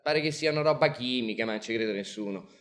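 A grumpy bearded man, as a storyteller puts him on, worn out by waiting. He grumbles along in a flat, matter-of-fact way at a brisk pace. The voice stays close to the storyteller's own. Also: medium pitch, close to an everyday voice. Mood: grumbling.

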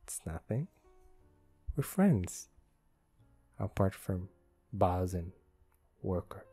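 An ASMR voice actor plays a smitten, teasing young office worker in a romance roleplay, a full character voice pitched low with a sing-song lilt. His soft, breathy delivery often drops to a whisper, slow, halting and intimate, with a playful, affectionate mood. The voice is close-miked over soft instrumental music.

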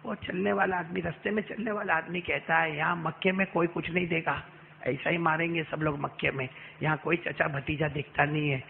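Male preacher, high voice, dramatic storytelling sermon, shouts and drops to soft, faint background noise. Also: level tone, a little fast, vocal fry, narrow, tinny audio. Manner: dramatic, acts out characters, swings from soft to shouting; asks the crowd to respond. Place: mosque.

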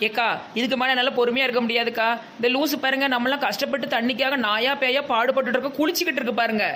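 A woman playing a fed-up village woman who complains rapidly, with a Tirunelveli Tamil accent. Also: high-pitched, steady tone, a bit bright, a little hiss or hum.

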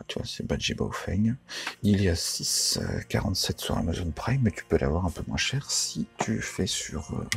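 A man talks through a casual how-to tutorial in a very low, gravelly voice, chatty and informal, often pausing on fillers and correcting himself. His tone is rough and husky throughout. Faint music plays behind him. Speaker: radio tutorial maker.

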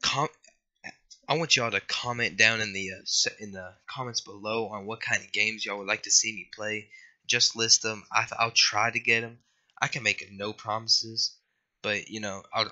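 With a sharp, lowish voice, fairly even intonation and normal speed, a young man who is a gaming YouTuber gives casual gameplay commentary. Still scratchy from being sick, he rambles, apologizes and uses plenty of fillers.

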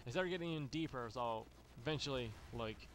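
A man's voice: mid-range voice, moderate pace, a bit bright, a little hiss or hum. A man telling a long story in a loose, profane, rambling way, with lots of restarts and fillers. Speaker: gaming channel host. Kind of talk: rambling storytelling over gameplay. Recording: gunfire from game audio behind. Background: video game gunfire.

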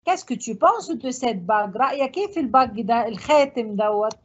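A woman French teacher with an Egyptian accent, reviewing for an exam and mixing French with quick Arabic explanations. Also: fairly high pitch, expressive, slightly rough, dull audio.

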